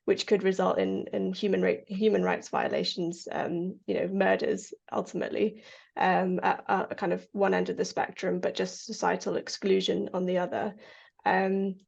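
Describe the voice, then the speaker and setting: A woman's voice: mid-range voice, level tone, moderate pace, creaky, a little mellow, husky. A woman from Kenya, a Parkinson's researcher, answering interview questions earnestly, with many fillers and restarts and frequent laughs. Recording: lo-fi audio.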